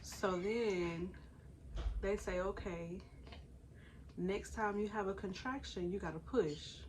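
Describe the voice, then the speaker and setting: A woman's voice: mid-range voice, takes it slowly, slight background noise. A young woman, telling a personal story in a casual, chatty way and now and then breaking off to tend her baby. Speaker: vlogger.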